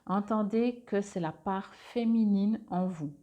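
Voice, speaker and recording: A woman with a Swiss French accent speaks slowly in a warm, medium-pitched voice, and the recording sounds muffled. Wearing a clip-on mic, she does a casual monthly tarot card reading, hesitating often with lots of fillers and restarts.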